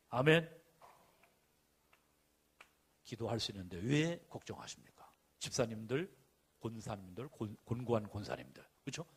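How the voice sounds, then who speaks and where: A middle-aged man preaching to his congregation, his voice husky and a little rough. He drives points home with repeated commands and rhetorical questions. Storytelling stretches fall quieter, then rise into loud calls. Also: medium pitch. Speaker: pastor. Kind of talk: sermon.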